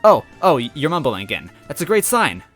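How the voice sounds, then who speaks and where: A man voicing an excitable young female archaeologist who stammers and gushes. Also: a little high, brisk, faint music behind, voice pushed up. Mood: excited. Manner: stammering, gushing.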